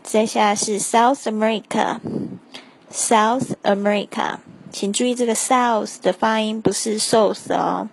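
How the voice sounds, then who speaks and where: A woman hosting a short English pronunciation lesson, repeating each word slowly and deliberately. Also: medium pitch, steady tone, vocal fry, husky, rough recording. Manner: slow and deliberate, repeating words carefully. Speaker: English teacher. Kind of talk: slow scripted pronunciation lesson.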